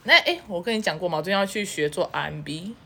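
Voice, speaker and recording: A woman, co-hosting a casual podcast chat and telling stories quickly with giggles. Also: lowish voice, creaky, pushed and bright, a little hiss or hum. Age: 30s. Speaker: podcast co-host.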